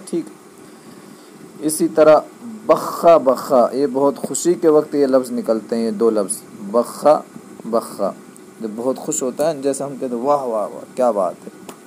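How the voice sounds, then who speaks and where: A man gives a grammar lesson in an even, mid-pitched voice with a warm, dark tone. He explains step by step, repeats key terms and stops to check that his students follow. A faint hum sits behind him. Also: rough recording. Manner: patient, repeats key points, checks understanding. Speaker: teacher.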